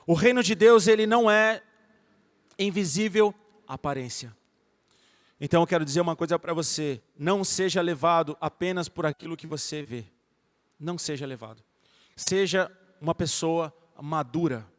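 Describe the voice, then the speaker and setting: Brazilian man, pastor, high voice, fervent sermon, long church-hall echo. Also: normal speed. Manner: fervent preaching, swinging from soft to loud. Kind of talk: evangelical sermon.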